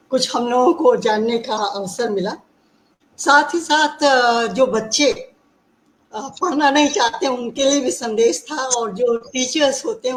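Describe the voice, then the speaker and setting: A woman moderates the discussion in a formal, halting way, pausing with frequent fillers. She talks slowly at a somewhat high pitch, and her voice rings in an echoey room with faint ambience behind it. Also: slight background noise. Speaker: host.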